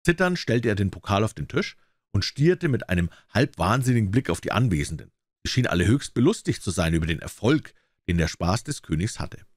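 A male audiobook narrator reads a scripted text with a low, lively voice at a fairly quick pace. His storytelling is expressive, and the studio-quality recording has no room sound.

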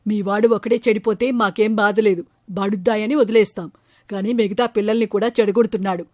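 A woman's voice: medium pitch, steady tone, a little fast, warm tone, no echo, studio quality, close to an everyday voice. A woman voicing a stern village schoolteacher who scolds a father angrily, in a storybook tale. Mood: angry scolding. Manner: scolding, indignant.

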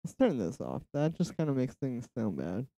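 With a medium-pitched, nasal voice touched by vocal fry, this streamer speaks at a moderate pace while producing music indoors in his home studio. He's relaxed, thinking aloud and answering chat, as loud electronic music plays under his voice on the livestream.

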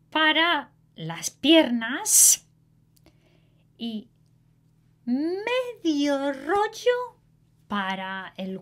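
A woman reads a story for learners very slowly. She enunciates every word with care in a high, bright, lively voice. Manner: deliberate, clearly enunciated. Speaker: Spanish teacher, storyteller. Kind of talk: slow story reading for learners.

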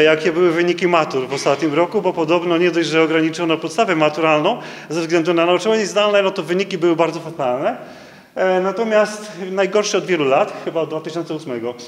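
This middle-aged man's voice sits a little high as he reads court rulings during a conference talk, standing at a lectern with a stand microphone. He falters often, restarting and filling pauses, while the hall adds long, echoey reverb.

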